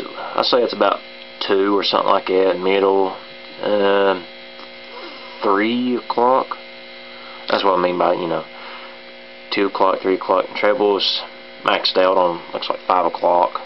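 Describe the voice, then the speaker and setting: A man with an Appalachian hillbilly accent giving a casual, rambling gear demo in a halting, self-deprecating way. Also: a little hiss or hum. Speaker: amateur gear reviewer. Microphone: camera on a tripod. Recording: dull lo-fi camera audio. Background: bass guitar and amp sounds.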